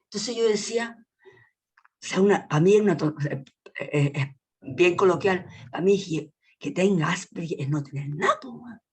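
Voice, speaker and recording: A woman's voice: lowish voice, expressive, normal speed, a little mellow, husky. A woman with a Chilean accent speaking in a casual group discussion, frank and colloquial, often restarting her sentences. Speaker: colloquium participant.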